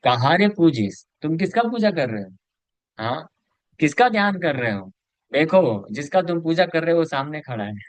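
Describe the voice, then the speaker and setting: A man voicing an ecstatic divine figure who loudly exclaims who he is, in a sermon retelling. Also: on the high side, very animated, moderate pace, dry recording, pitched above the performer's own voice. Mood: commanding. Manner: loud exclaiming. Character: ecstatic divine man roaring his identity.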